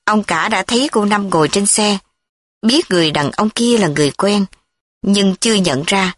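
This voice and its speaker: A woman narrating a story in a steady storytelling manner. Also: mid-range voice, moderate pace, no room sound.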